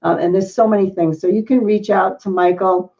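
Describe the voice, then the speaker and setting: A woman's voice: mid-range voice, fairly even intonation, fairly quick, a little mellow, lo-fi sound. A middle-aged woman hosting an interview, effusive and emotional, with many exclamations. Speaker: host. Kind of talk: casual interview chat.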